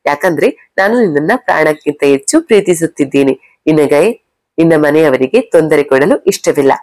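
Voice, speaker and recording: A devoted young man from a storybook, gentle and reassuring, as a woman narrator puts him on. The voice is pitched noticeably lower than her own. The sound is dry and close. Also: animated, moderate pace, dry recording. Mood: tender.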